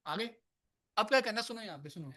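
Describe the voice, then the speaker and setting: High-pitched man teaching a coding class in a room, casual and teasing with students. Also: lively intonation, brisk, sharp tone. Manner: casual, scolds and coaxes students. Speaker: programming teacher. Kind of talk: live classroom lecture.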